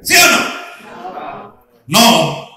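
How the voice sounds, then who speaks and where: A man preaching in a church with a very high, bright and forceful voice. He takes his time, throws questions out to the congregation, then answers them himself. The sound booms around a very echoey room. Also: huge pitch swings, very slow. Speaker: pastor. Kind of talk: sermon.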